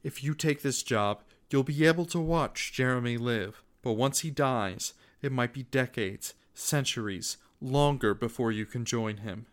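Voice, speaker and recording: A man's voice: mid-range voice, measured pace, hardly any pauses, lightly acted. Man as centuries-old ferryman of souls, weary, remorseful, earnest, desperate father, audio storytelling. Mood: remorseful confession. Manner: earnest, confessional. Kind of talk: dramatic storytelling.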